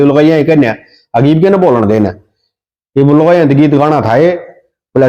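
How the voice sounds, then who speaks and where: A man's voice: medium pitch, mellow, dull audio. A man with a Haryanvi accent telling comic village stories in dialect, slipping into sing-song voices for the people in his jokes. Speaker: comedian.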